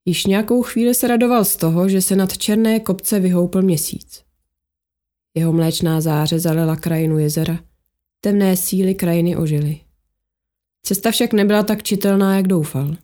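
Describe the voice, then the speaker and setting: A woman narrating an audiobook in a steady, measured storytelling manner. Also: on the low side.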